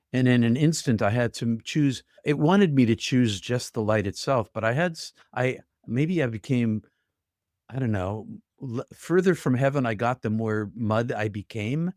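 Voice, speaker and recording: A man's voice: medium pitch, darkish tone, no room sound, clean studio sound. An older man telling his own story in an interview, earnest and vivid, acting out the voices he heard. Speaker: guest telling his near-death story.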